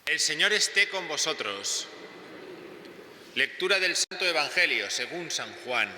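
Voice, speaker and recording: Priest, male, very bright tense tone, calm preaching; roomy cathedral echo, long reverb. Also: a little high, measured pace, slight background noise. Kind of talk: gospel reading and homily. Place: large church. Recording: echoey church with long reverb.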